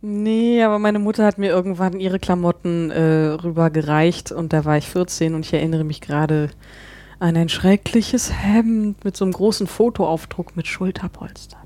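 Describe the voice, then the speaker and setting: A woman hosting a casual podcast, playful and quick to laugh, steering the talk with questions. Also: lowish voice, fairly even intonation, dark tone. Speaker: podcast host.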